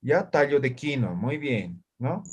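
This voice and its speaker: A man's voice: medium pitch, big pitch swings, unhurried, slight background noise. A male language teacher, giving a classroom lesson and checking in with his students after nearly every phrase. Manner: checks in constantly with short questions to students. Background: students answering in the room.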